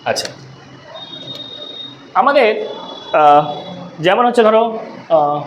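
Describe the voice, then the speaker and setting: In a classroom lecture, a man tutoring English speaks slowly in a high, expressive voice, keeping things conversational and frequently making sure students are keeping up. A roomy echo and faint room noise come through.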